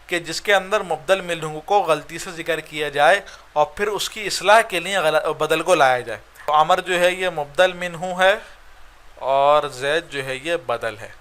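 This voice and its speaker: A man's voice: fairly high pitch, fairly bright tone. A man with a Pakistani Urdu accent teaching Arabic grammar in a recorded online lecture, explaining step by step and checking "right?" after each point.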